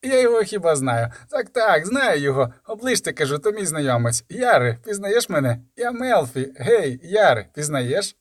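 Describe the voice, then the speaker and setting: A man voicing a loud, overly friendly young man who acts as an old pal. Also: on the high side, big pitch swings, normal speed, hardly any pauses, dry recording, clean studio sound, voice pushed up. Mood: boisterous.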